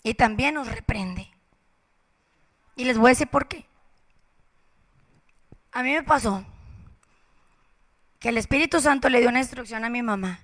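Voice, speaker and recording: High-voiced woman preaching in a reverberant hall. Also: a little slow, long pauses. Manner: passionate, shifts between loud exhortation and hushed whispers. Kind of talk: sermon.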